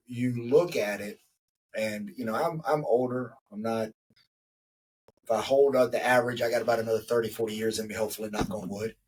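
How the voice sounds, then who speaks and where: This podcast host is a man in his forties whose low, darkish voice rambles reflectively through a casual interview, packed with fillers. The recording is low quality, with a distant mic and a bit of hiss or hum.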